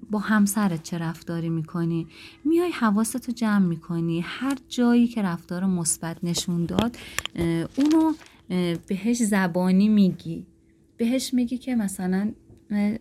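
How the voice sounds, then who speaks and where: A woman's voice: medium pitch, mellow. A woman giving direct, coaching parenting advice to listeners, at times acting out sample lines between spouses. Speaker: parenting advisor.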